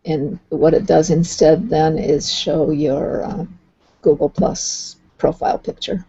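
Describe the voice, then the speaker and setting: A woman hosting a video call, patiently explaining how the software works and thinking aloud as she goes. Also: deep voice, fairly even intonation, slow pace, husky. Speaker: host. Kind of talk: casual explanatory chat. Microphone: computer mic on a video call. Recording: dull lo-fi online call audio.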